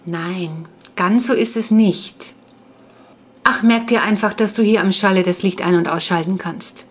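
A woman reading the part of a friendly brother who eagerly explains things and gets excited. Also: medium pitch, unhurried, close to an everyday voice. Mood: eager explaining.

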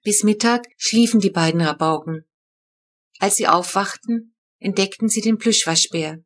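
A woman reading her own children's book aloud, calm and measured. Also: medium pitch. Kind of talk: audiobook narration.

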